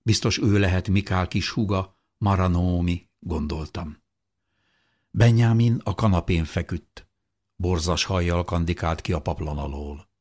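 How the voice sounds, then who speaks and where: A man narrating an audiobook in a calm, measured storytelling manner. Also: sits low. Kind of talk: scripted narration.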